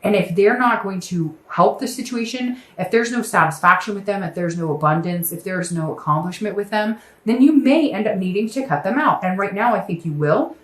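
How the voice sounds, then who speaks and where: Woman tarot reader, mid-pitched, chatty and emphatic, recorded in an echoey room at home. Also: animated, a little fast, hardly any pauses, a bit bright. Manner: chatty, conversational, with emphatic asides. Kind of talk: casual tarot reading monologue.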